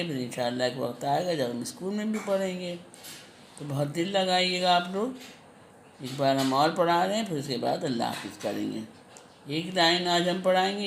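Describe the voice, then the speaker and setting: A woman's voice: low-pitched, a little hiss or hum. Patient woman teacher in an echoey room. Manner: slow, patient syllable-by-syllable drilling. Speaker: kindergarten teacher. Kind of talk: online phonics lesson for small children.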